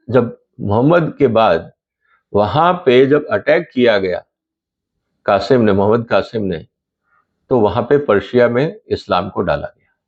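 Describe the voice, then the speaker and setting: A man's voice: mid-range voice, muffled recording. A middle-aged man hosting his own channel, giving explanatory commentary to camera and asking viewers pointed rhetorical questions.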